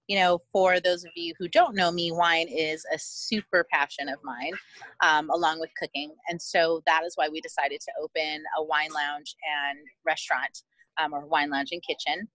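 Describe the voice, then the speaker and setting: A woman's voice: deep voice, level tone, moderate pace, a bit bright, no echo, low-quality recording. A middle-aged woman chef from Oakland, chatting casually as a podcast guest over a video call with frequent fillers. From Oakland, California. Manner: chatty, many "um" fillers, laughs easily. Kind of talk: casual interview chat. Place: at a winery.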